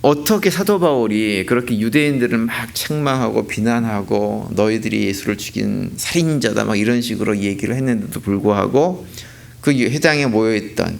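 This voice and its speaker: A man's voice: fairly low pitch, gravelly. A man preaching a sermon as a pastor, asking rhetorical questions and repeating key points for emphasis. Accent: Korean. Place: church sanctuary.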